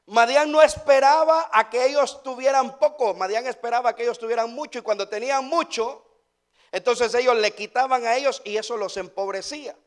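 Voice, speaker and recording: A pastor preaches to his congregation in a strikingly high voice for a man. He speaks, stacking up rhetorical questions and repeating his phrases for emphasis. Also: fairly quick. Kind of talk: sermon.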